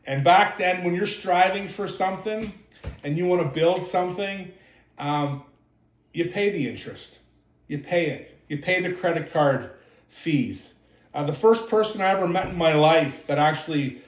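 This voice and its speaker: A man from Canada hosting his own show, telling personal stories in a candid, rambling way with many fillers. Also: a little high. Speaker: podcast host. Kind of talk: casual storytelling monologue. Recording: echoey room.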